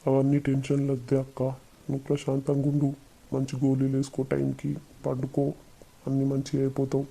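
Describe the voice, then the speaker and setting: A woman's voice: low-pitched, little pitch movement, quick pace, dark tone, rough recording. A woman voicing a grieving, melodramatic young man in a cartoon, speaking with a Telangana accent. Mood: soothing. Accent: Telangana Telugu. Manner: wailing, melodramatic. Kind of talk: cartoon voice acting.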